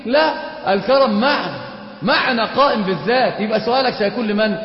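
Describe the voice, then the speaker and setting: This is a classroom lecture on creed by an Islamic teacher, a man who talks fast in a high-pitched voice. He keeps quizzing his students and answering his own questions, while the echoey hall and lo-fi recording leave the sound dull.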